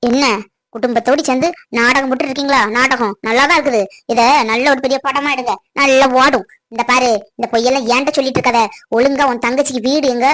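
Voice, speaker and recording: A woman's voice: sits high, fairly bright tone. A woman playing an angry mother who scolds and accuses the family she blames for her son's disappearance, in a family skit. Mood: sneering. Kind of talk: family comedy skit acting.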